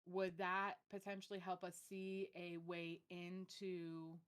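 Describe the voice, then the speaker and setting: Low-voiced woman player full of questions. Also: completely flat delivery, slow pace, a bit bright, clear, resonant tone. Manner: questioning, lots of "like". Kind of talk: casual chat during a tabletop game.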